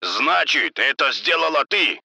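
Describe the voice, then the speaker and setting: A man's voice: mid-range voice, big pitch swings, normal speed, creaky, pushed and bright, no room sound, full character voice. A man voicing an angry drug boss who speaks harshly and menacingly.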